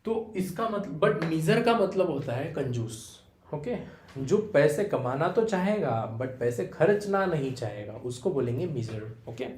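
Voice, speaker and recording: A man's voice: on the high side, big pitch swings, measured pace, darkish tone, reverberant. A young Indian man with a Marathi-influenced accent teaching English vocabulary in Hindi, filling his talk with "okay" and calling students "beta". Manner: explains with repeated fillers like "okay" and "है ना"; addresses students fondly as "बेटा".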